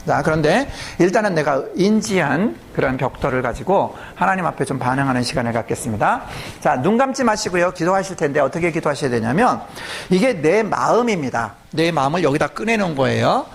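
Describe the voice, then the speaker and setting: A man's voice: a little high, very animated, a little fast, gravelly, slight background noise. A man preaching and leading prayer, speaking emphatically and often checking with the audience. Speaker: pastor. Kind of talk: sermon teaching and leading prayer.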